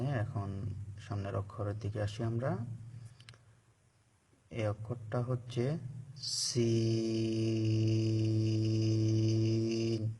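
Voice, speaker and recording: In a slow recorded lesson, a man patiently draws out each Arabic letter so learners can repeat it when reading the Quran. His voice is lowish and mellow with some vocal fry, and there's slight background noise.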